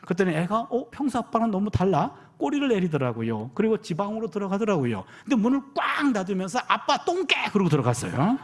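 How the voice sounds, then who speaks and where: A man's voice: high voice, fast talker, few pauses. A middle-aged man, a pastor and professor, preaching a sermon and telling family stories while acting out the dialogue. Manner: animated storyteller who acts out quoted dialogue. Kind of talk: sermon with personal storytelling. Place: church sanctuary.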